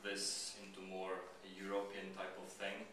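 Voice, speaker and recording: A man from Slovakia pitching his startup at a meetup, talking casually with many fillers and restarts. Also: monotone, moderate pace, pushed and bright, a little hiss or hum. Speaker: startup founder giving a pitch. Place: meetup venue. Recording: echoey room, mic far off, crowd behind.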